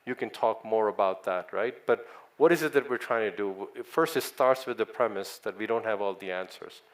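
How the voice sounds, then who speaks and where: A man's voice: lowish voice, normal speed, low-quality recording. A middle-aged man speaking as a company executive on a panel, confident and often checking in with "right?". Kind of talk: panel discussion answer.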